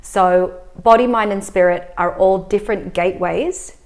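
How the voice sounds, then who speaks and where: A woman, a yoga teacher explaining her practice in a calm, measured way during a casual interview. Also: medium pitch. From Australia. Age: 30s. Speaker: yoga teacher and breathwork facilitator.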